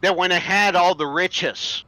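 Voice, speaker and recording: This man in his thirties is a livestreamer delivering a preachy, profane, emphatic rant to his viewers. His voice is high, pushed and bright, and he speaks unhurriedly. The recording is dry and the audio poor.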